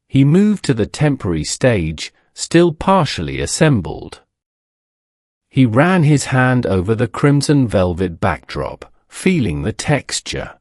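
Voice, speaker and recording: A man narrating a detective story in a measured, scripted storytelling manner. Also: mid-range voice, a little mellow, dry recording, studio quality.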